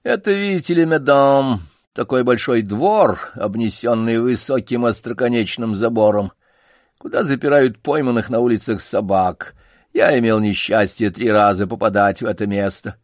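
A man voicing a pompous old male circus poodle who lectures slowly with showy pauses. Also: medium pitch, dry recording, studio quality, lightly acted. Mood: lofty, lecturing.

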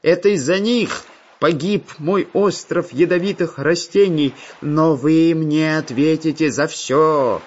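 A man voicing a booming, gloating plant lord. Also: expressive, unhurried. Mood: gloating threats. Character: menacing mad male plant lord, gloating. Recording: slightly dull, faint music.

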